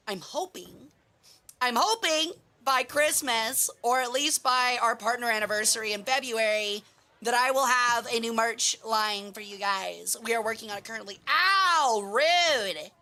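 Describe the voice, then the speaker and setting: A woman livestreaming in a cute anime-streamer manner, chatting with viewers in a bubbly, animated way and exclaiming her greetings. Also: fairly high pitch, normal speed. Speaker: VTuber streamer, host.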